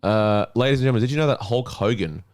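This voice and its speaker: A man's voice: mid-range voice, fast, a little mellow. Rambling, jokey man. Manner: joking banter, loose and rambling. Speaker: podcast co-host. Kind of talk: casual podcast chat.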